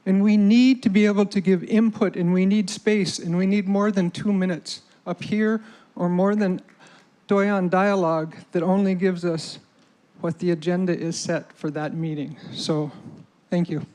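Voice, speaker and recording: A man's voice: sits high, steady tone, a little slow, mellow. A man making a public comment at a shareholder meeting, urging and challenging the audience. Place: hotel meeting hall.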